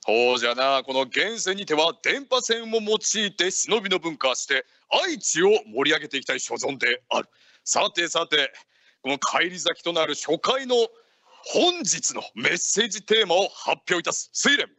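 A man's voice: on the high side, big pitch swings, normal speed, sharp tone, no room sound, exaggerated voice. A man hosting a radio show in character as an older male ninja leader, speaking in lordly old-fashioned phrasing with an Aichi dialect. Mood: hearty. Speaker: radio host. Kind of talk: in-character radio talk in archaic samurai speech.

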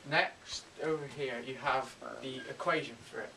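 Bright-voiced teenage boy doing card trick patter. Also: mid-range voice, moderate pace, a little hiss or hum. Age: teens. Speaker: amateur presenter of a card trick tutorial. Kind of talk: informal step-by-step demonstration and explanation. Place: indoors at a table and whiteboard.

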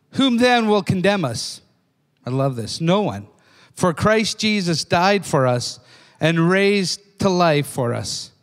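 Older male preacher, high voice, fervent sermon delivery, long hall reverb. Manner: fervent, repeats "amen?" to the congregation. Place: church.

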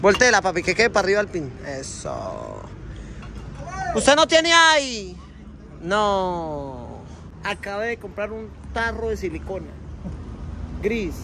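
Filming with a phone at arm's length, a man in his thirties who owns a trucking company and vlogs walks through his truck yard and cab. His Colombian-accented voice is high with huge pitch swings; he speaks slowly with long pauses, chatting affectionately and using lots of diminutives. Background noise is present.

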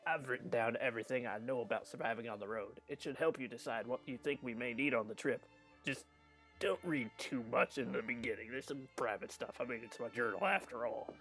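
A man voicing a male survivor friend, reading game dialogue quietly and plainly. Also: mid-range voice, brisk, faint music behind, natural voice. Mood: calm.

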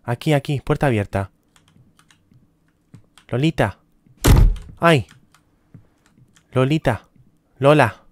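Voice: lively intonation, slow pace, long pauses, slight background noise. Streamer playing a horror game, drawls then shrieks, swears a lot, keyboard clicks faint in back. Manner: jumpy, breaks into high panicked yelps and cursing. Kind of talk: live horror gameplay commentary.

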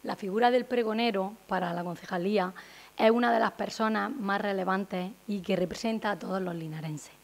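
A woman's voice: mid-range voice, brisk, creaky. A woman, giving a semi-formal presentation as a town councillor at a desk microphone. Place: small indoor meeting room. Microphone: gooseneck desk microphone.

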